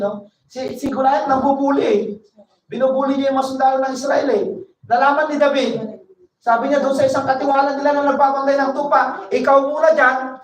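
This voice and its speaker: A woman preaching a Bible study sermon. She reads verses slowly and then explains them in a conversational way. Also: high voice, a little mellow. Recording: echoey room, voice from a distance.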